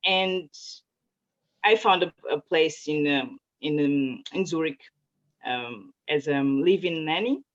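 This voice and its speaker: A woman's voice: low voice, slow. A woman from Portugal, a native Portuguese speaker, answering interview questions in a casual, hesitant way with many fillers and restarts. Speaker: interview guest. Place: home in Zurich. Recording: muffled lo-fi audio.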